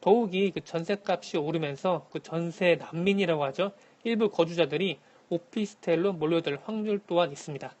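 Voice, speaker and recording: Higher-voiced man giving a radio economic briefing. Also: moderate pace, few pauses, a little mellow. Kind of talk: scripted news briefing, answering by phone. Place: phone link to a radio programme.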